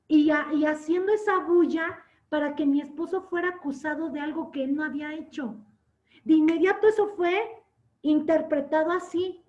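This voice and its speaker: Brief: woman church teacher with a high voice, recorded on muffled lo-fi audio. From Latin America. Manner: asks "¿sí?" to check understanding; tells stories with lively acted quotes. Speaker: Bible class teacher. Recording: dull lo-fi sound.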